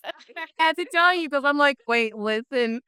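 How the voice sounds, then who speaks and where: A woman's voice: high voice, moderate pace, bright, forceful tone, no room sound, clean studio sound. Giggly woman telling stories. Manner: laughs often, tells stories animatedly. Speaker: podcast co-host. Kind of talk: casual chat.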